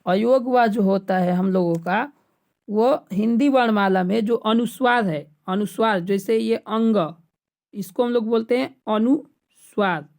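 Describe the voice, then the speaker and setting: A woman's voice: mid-range voice, a little slow, a little mellow. A woman teacher giving an exam-prep lecture, explaining step by step and repeating key terms back to the class as questions. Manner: patient, stepwise explaining with frequent checks.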